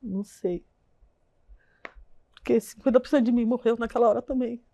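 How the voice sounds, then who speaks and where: A woman, a guest telling a personal story of loss in a halting way, retelling the dialogue and repeating herself. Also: a little high, fairly even intonation, dark tone, no echo, clean studio sound. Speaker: interview guest. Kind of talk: emotional personal account.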